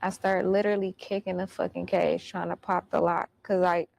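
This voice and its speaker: A woman's voice: lowish voice, flat delivery, normal speed, gravelly, a little mellow. A woman telling a personal story in casual, blunt, profane street slang. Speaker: storyteller recounting her experience.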